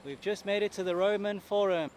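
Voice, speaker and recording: A man's voice: sits high, brisk, a little mellow, slight background noise. A man narrating a travel vlog outdoors in brief, matter-of-fact remarks. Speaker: travel vlogger. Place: outdoors in a city.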